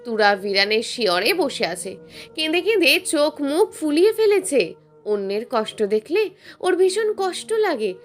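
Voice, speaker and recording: A woman with a high, light voice narrates a written story at an even, measured pace. Soft music plays quietly underneath her reading. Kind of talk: scripted narration.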